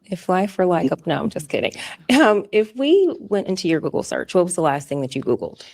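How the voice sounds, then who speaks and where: Lively, breathy woman heard from afar. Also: on the low side, brisk. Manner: playful, giggly questioning. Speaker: dating show contestant. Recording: voice distant from mic.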